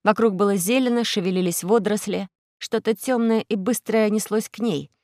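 A woman narrating a children's audiobook in a steady, clear storytelling voice. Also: medium pitch, moderate pace, no room sound, clean studio sound.

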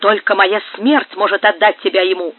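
A man's voice: sits high, flat delivery, normal speed, no room sound. A man reading a heartbroken, jealous young man with anguished intensity, heard through a narrow phone-like sound.

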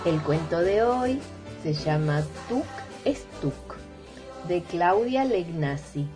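A woman reading a rhyming children's story aloud in an expressive, sing-song rhythm. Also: on the low side, slow pace, over music.

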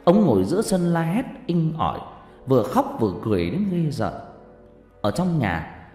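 A man narrating a horror story with dramatic, expressive delivery. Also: on the high side, moderate pace. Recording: echoey reverb with background music.

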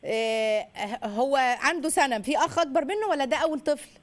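Rapid, high-voiced Egyptian woman host. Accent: Egyptian Arabic. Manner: animated, sing-song modelling of phrases for children. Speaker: parenting educator and radio show host. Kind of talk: call-in advice talk.

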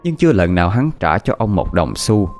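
Male narrator, animated storytelling, soft music behind. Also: low-pitched, fairly quick. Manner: lively storytelling.

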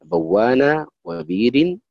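A man's voice: on the high side, takes it slowly, creaky, dry recording, muffled recording. A man teaching recitation rules in a lecture, often checking in with listeners and stopping to restart his words. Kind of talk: explanatory lecture.

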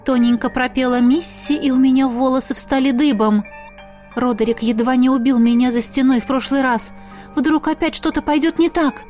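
A woman narrating a first-person fantasy audiobook in a steady, expressive reading. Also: high-pitched, moderate pace, soft background music.

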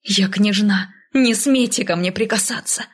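A woman's voice: medium pitch, steady tone, moderate pace, a little mellow, breathy edge. A woman voicing a humiliated young captive princess who hisses and snaps her lines through clenched teeth. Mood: bitter defiant.

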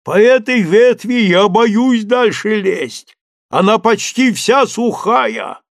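A man's voice: high voice, slow pace, gravelly, no echo, studio quality, voice pushed up, full character voice. A man voicing an old male servant, simple and fearful, calling down in a plaintive, wheedling drawl. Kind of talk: audiobook character voice.

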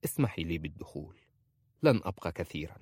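A man voicing a polite, innocent young bride who speaks softly in a storybook reading. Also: low voice, expressive, fast, no room sound, clean studio sound. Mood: gentle. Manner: soft, gentle pleading.

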